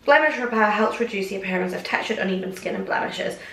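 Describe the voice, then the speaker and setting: This English vlogger chats casually in her kitchen, bubbly and full of little asides, peppering her talk with "like" and "oh my gosh." She speaks at a quick pace, her ordinary mid-pitched voice fairly bright and slightly snuffly, with the room ringing in echo.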